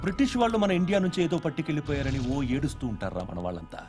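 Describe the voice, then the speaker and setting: An actor playing a pushy, leering police officer in a comic film scene. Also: male voice, on the high side, wildly swooping pitch, rapid-fire, over music.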